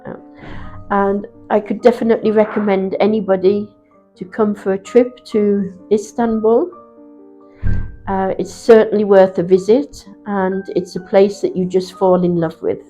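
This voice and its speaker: Woman with a mellow voice. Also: medium pitch, fairly even intonation, faint music behind. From England. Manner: unhurried, pausing with fillers. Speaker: interviewee. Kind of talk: casual personal account.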